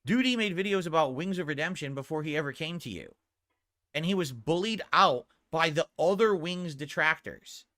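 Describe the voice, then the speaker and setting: A man's voice: a little high, animated, moderate pace, bright, forceful tone, no echo, clean studio sound. A man giving commentary that sounds read aloud.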